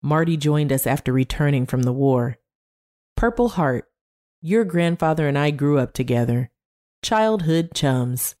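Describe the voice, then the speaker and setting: A woman's voice: low voice, animated, a little slow, a little mellow. A woman voicing a flamboyant older man who tells travel stories in a sing-song way. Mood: reminiscing.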